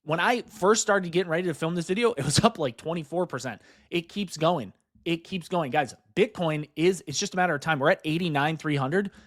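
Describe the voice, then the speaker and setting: A man with a slightly high voice talks through crypto price charts in a rush of excitement. He keeps addressing his viewers as "guys" and tosses in "right?" between points, his energy bubbling over as he goes. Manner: excitable, fast-talking, says "guys" and "right?" a lot. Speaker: crypto investing YouTuber.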